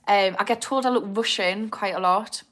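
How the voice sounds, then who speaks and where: Speaking at a moderate pace in a medium-pitched, slightly bright voice, a woman in her thirties with a Geordie accent hosts a casual livestream chat. She works through viewer comments with self-mocking humour, laughing frequently.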